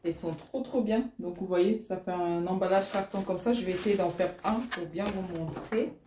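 A young woman chatting casually in a vlog, excitable and full of fillers and repeated words as she unpacks her orders. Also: lowish voice, moderate pace. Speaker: small-business vlogger. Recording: echoey room with loud rustling noise. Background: crinkling packaging and clicks.

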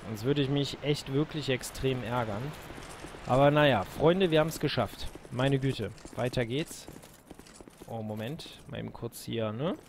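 A man giving casual let's play commentary, excitable, with loud exclamations and talking to his viewers. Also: mid-range voice, measured pace, a little hiss or hum.

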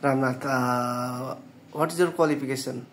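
A man conducts a job interview, firing short questions and echoing each answer back with an okay. His delivery is flat with little rise and fall. A faint hum of background noise sits under him. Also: mid-range voice. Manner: brisk, repeats answers back, says okay often.

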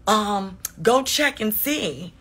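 A woman's voice: medium pitch, animated, slow, sharp tone, breathy edge. A woman venting on a phone livestream, defensive and sarcastic, answering her chat.

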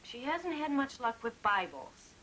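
A woman's voice: high-pitched, sing-song, measured pace, pushed and bright, a little hiss or hum, heavily acted, low-quality recording. An actress playing a playful young woman patient in a 1970s TV movie, mocking and jokey.

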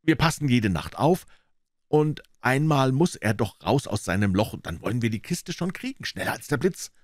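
A man voicing an excitable, frightened boy. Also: medium pitch, normal speed, dry recording, clean studio sound, pitched above the performer's own voice, natural voice. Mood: excited. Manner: breathless, excited storytelling. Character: excitable scared boy adventurer.

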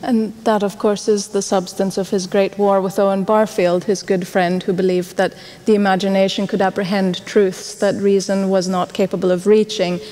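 Flat, mellow-voiced woman explaining. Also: mid-range voice, moderate pace, few pauses. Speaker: panelist. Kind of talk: panel discussion answer. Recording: long hall reverb.

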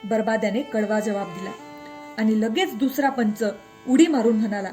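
Brief: a woman with a high voice reading a short story aloud, steady and clear, soft music underneath. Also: moderate pace. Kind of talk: scripted story narration.

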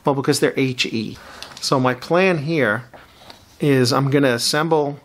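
A middle-aged man talks through a model kit review at his home hobby desk in a relaxed, easygoing way, full of ums and uhs. He sounds at an even, middle pitch, recorded by a desk webcam. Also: a little slow. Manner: relaxed, chatty, many fillers. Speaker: scale model builder, channel host. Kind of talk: casual build review.

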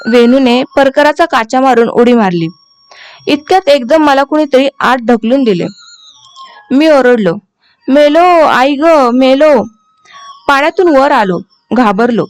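A woman narrating a classic story as an audiobook reader, with a steady, expressive delivery. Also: high voice, moderate pace, smooth.

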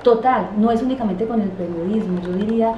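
A woman's voice: medium pitch, brisk, muffled recording. A woman, a regional deputy answering interview questions emphatically and indignantly, in a small office. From Quindío, Colombia. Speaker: departmental assembly deputy. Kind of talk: interview answers, political criticism. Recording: roomy office with clear noise.

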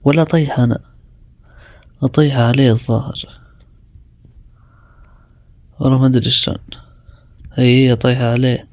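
A young man, chatting his way through a video game and talking himself through each move with quick exclamations. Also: medium pitch, fairly even intonation, darkish tone, dry recording. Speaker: gaming video creator. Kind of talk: casual gameplay commentary.

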